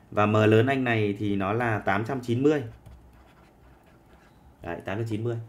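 Male teacher, mid-pitched voice, dictates steadily and keeps checking in with the class. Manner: dictating, often checking in with students. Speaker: chemistry teacher. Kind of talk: live online chemistry lesson.

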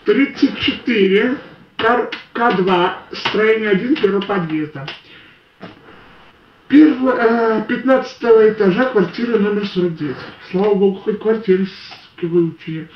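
A man's voice: sits high, roomy sound, lo-fi sound. A man voicing a foul-mouthed, grumbling old grandmother fretting over bills in a home comedy sketch, on what sounds like old worn tape. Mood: halting, irritated. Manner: grumbling, swearing, halting as reading out figures.

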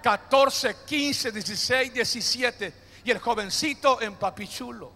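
A man's voice: extremely high pitch, a little slow, pushed and bright. A man preaching a sermon as pastor, joking with the congregation and calling them to repeat after him. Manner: preaching with call-and-response to the congregation; jokey, playful asides. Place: church hall. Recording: long hall reverb.

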